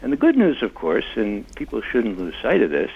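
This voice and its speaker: Older guy getting fired up in an interview, husky gravelly voice, kinda muffled lo-fi audio. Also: on the low side, huge pitch swings, normal speed. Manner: impassioned, emphatic. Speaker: interview guest, former intelligence analyst. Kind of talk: conversational interview.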